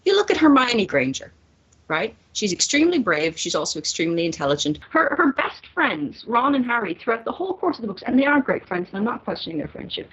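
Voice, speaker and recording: A woman's voice: fairly high pitch, breathy edge. A woman in a casual barstool debate over drinks, arguing her points step by step, in a dull lo-fi recording. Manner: argumentative, builds points step by step.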